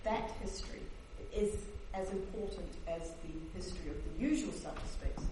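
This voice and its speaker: Born in the Netherlands and raised in New Zealand, a woman historian gives an academic talk on her book, hesitating often with fillers and restarts. She has a lowish voice at a moderate pace, captured in an echoey hall by a distant mic with faint hiss.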